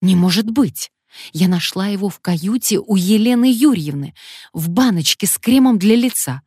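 A woman's voice: normal speed, warm tone, husky, no echo, clean studio sound, lightly acted. A woman reading an audiobook, voicing a frightened, fussy young woman blogger who babbles and shrieks. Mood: panicky. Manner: shrill, babbling.

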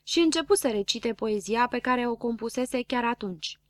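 A woman narrating a children's storybook in a lively storytelling manner. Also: on the high side, no echo, clean studio sound. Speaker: audiobook narrator.

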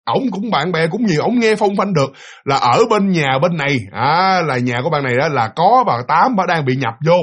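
A man's voice: a little high, expressive, fairly quick, a bit bright, slightly rough, dull audio. A man with a Southern Vietnamese accent casually telling a ghost story, chatty and addressing his listeners directly.

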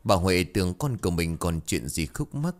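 A man tells a ghost story with a solemn, expressive delivery. His voice is low yet lively, rising and falling with the drama of the tale. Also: normal speed.

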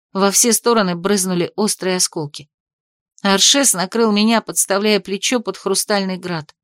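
A woman narrating a fantasy novel with a lively, dramatic reading. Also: mid-range voice, dry recording, studio quality. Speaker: audiobook narrator. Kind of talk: scripted narration.

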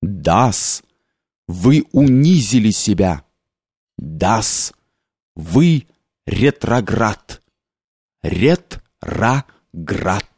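A man's voice: sing-song, extremely slow, vocal fry, long pauses, darkish tone, breathy edge, no room sound, clean studio sound, heavily acted. A man doing a drunk, bellowing young journalist. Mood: thundering. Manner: bellowing accusations, low and thunderous. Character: drunk, sullen young male journalist, furious.

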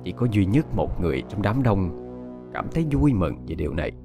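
Expressive low-voiced male storyteller. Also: fairly quick, vocal fry. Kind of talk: dramatic audio story narration. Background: faint music.

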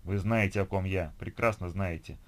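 A man voicing a blunt, determined young woman in a low plain voice. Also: normal speed, lightly acted.

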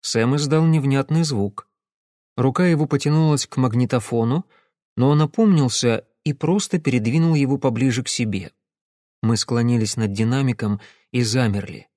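A man's voice: medium pitch, normal speed, a little mellow, dry recording. Man reading a detective novel, dry sound. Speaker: audiobook narrator. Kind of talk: scripted first-person narration.

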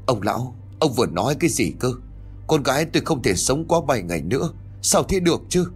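A man's voice: lowish voice, animated, a little fast, slightly rough, soft background music, voice pushed up. A man voicing an anxious, grumbling old village father in a raised voice. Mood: alarmed.

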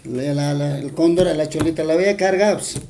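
A man with a Bolivian Spanish accent retells a folk tale during an interview, rambling and using plenty of fillers and tag questions. His voice is a little high, creaky and dark, he speaks a little fast, and there's slight hiss or hum.

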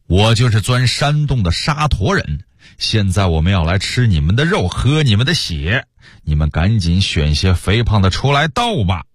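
A man voicing a fierce, boastful warrior who growls menacing threats in a lowered voice. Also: sing-song, moderate pace, breathy edge, dry recording, clean studio sound.

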